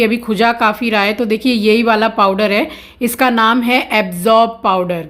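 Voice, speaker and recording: A woman with a fairly high voice speaks to viewers in a casual home vlog. She explains pet care in an earnest, steady way. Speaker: vlogger.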